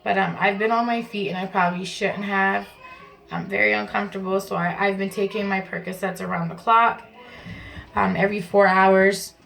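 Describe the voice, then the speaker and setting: Female vlogger, casual and chatty, mid-range voice with heavy creak, informal explainer delivery to camera. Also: mid-range voice, steady tone, moderate pace, fairly bright tone, slight background noise, rough recording. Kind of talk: casual vlog talk to camera. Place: at home in a bathroom.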